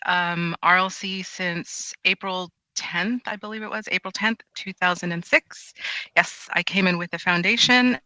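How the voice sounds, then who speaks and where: This woman co-hosts an online presentation from her home. She chats easily and laughs often. Her tone is sharp and bright, and the recording is dry and close. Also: lowish voice, no room sound, low-quality recording. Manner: giggly, chatty, laughs often. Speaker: co-presenter of a volunteer program talk.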